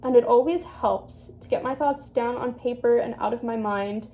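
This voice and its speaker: A woman's voice: a little high, moderate pace, dark tone. A young woman reading her old diary aloud in an embarrassed, self-mocking way, with casual, theatrical asides and swearing. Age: young adult. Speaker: vlogger.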